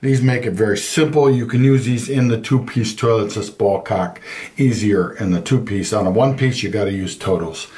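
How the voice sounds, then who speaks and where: An older man, a master plumber, explaining toilet parts in a casual how-to, plain-spoken with frequent pauses and fillers. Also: lowish voice, darkish tone, slight background noise. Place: home bathroom.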